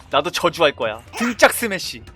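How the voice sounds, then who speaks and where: A man streaming a battle game, chatting casually with viewers in a playful, boastful, teasing way and breaking into sudden shouts. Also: extremely high pitch. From Korea. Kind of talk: casual gameplay commentary.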